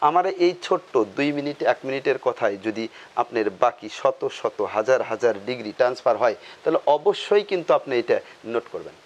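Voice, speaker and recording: A man's voice: mid-range voice, animated, brisk, dull audio. A man teaching a grammar lesson, asking questions and answering them himself, repeating key terms.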